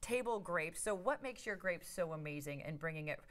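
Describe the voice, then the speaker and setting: A woman's voice: lowish voice, expressive, moderate pace, fairly bright tone. Effusive woman hosting a cooking segment. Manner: enthusiastic, effusive. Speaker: TV morning show host. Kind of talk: live cooking segment interview.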